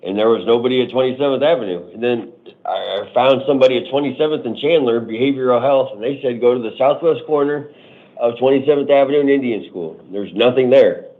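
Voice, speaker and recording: A man's voice: mid-range voice, fast. Man in his forties, phone-like audio. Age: 40s. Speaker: defendant. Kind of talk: halting spontaneous explanation to a judge. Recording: muffled phone-like courtroom audio.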